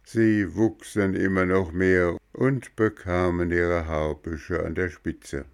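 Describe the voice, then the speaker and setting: Slow gravelly male storyteller. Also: low-pitched, fairly even intonation. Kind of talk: reading a children's story aloud.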